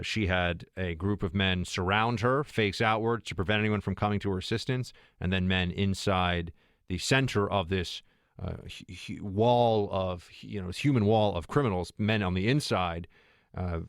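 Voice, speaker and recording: A deep-voiced man hosts a talk radio show, speaking off the cuff at a moderate pace with lots of fillers and restarts. The audio is clean studio sound with no room sound.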